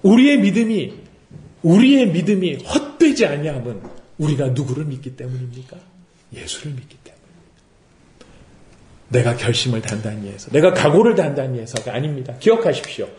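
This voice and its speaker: A man's voice: a little high, expressive, a little fast, a little mellow, echoey room. A man preaching a sermon as pastor, asking rhetorical questions and acting out quotes. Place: worship service room.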